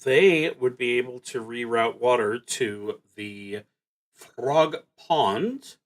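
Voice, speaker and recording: A medium-pitched man casually narrates his solo tabletop roleplaying game, muttering to himself and thinking aloud in a halting way as the game unfolds.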